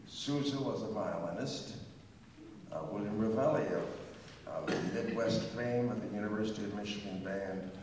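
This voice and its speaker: With a fairly low-pitched voice, an older man gives a chatty music history talk before a concert, wandering into asides and humming a few bits of melody. The recording was made from far away in an echoey hall and has slight background noise.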